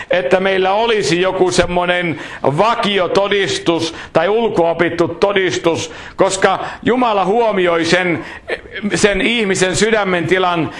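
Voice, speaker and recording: A man's voice: high voice, a bit bright, roomy sound. A man preaching a sermon, telling folksy anecdotes with humor.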